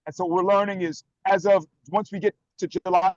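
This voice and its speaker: A man serving as commissioner gives a quick update over a call whose audio keeps breaking up as he goes through a tunnel. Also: sits high, fairly even intonation, a little mellow. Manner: rapid, with frequent fillers and restarts. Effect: choppy call audio breaking up. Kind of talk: giving an update at a remote meeting. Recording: lo-fi call line, cutting out.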